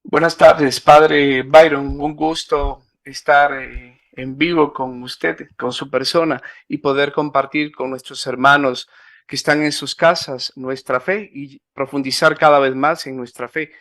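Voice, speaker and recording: A man's voice: on the high side, steady tone, measured pace, a bit bright, no echo, studio quality. A man, a Capuchin friar and priest, answering as a guest in a careful, formal manner with some hesitations. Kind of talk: conversational interview answers.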